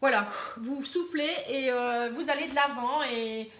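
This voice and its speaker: Northern French accent, woman, tarot reading, reassuring, bright tone, high voice. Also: a little slow, slight background noise. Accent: northern French (Pas-de-Calais). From Pas-de-Calais, northern France. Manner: chatty, tags nearly every phrase with "hein"; reassuring and encouraging. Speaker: tarot card reader. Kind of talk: casual tarot reading to camera.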